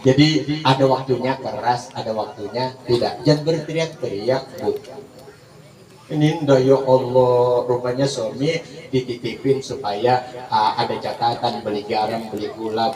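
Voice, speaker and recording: A man giving a joking, animated sermon at a large religious gathering, acting out quoted couples. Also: medium pitch, moderate pace. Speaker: preacher. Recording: echoey, distant mic with crowd.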